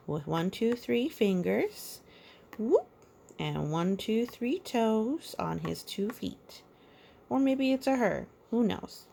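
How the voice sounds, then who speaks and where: A woman reads a children's picture book aloud in a playful, sing-song way, pausing for asides and counting as though speaking to small children. Her voice is medium-pitched and gravelly, with a little hiss or hum.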